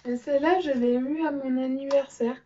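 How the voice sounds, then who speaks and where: A woman's voice: high-pitched, fairly even intonation, moderate pace, dark tone, dull audio, slight background noise. A young French-speaking woman presenting makeup in a casual vlog, hesitant with many fillers. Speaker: beauty vlogger. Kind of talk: casual show-and-tell vlog.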